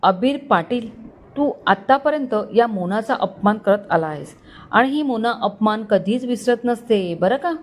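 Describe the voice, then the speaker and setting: A woman's voice: a little high, expressive, a little slow. A woman voicing a haughty, vengeful young college girl who taunts sharply. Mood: taunting.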